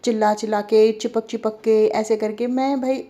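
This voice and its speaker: A woman's voice: fairly high pitch, fairly even intonation, moderate pace, mellow. A woman in her forties from Delhi, chatting casually over old home video footage and talking straight to her viewers. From Delhi, India. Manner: chatty, talks straight to viewers and asks them questions. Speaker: vlogger.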